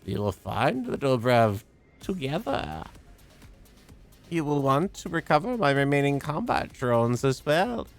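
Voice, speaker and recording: A man's voice: medium pitch, sing-song, vocal fry. Man putting on a solemn, stilted game AI. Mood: formal, bargaining. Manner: deliberate, formal, stilted. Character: solemn, formal artificial intelligence of a lost machine. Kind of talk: video game dialogue read aloud. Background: game music.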